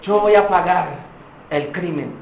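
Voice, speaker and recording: A devout brother quietly takes another's guilt on himself, as a preacher plays him. His voice is soft and solemn but still sits very high for a man. The words ring in an echoey church. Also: a little fast, phone-quality sound, lightly acted. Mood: solemn resolve. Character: calm devout brother who takes the blame.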